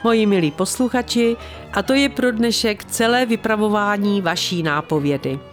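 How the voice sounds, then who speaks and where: Woman reading a story calmly. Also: medium pitch, soft background music. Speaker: storyteller of a weekly show. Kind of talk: scripted first-person story reading.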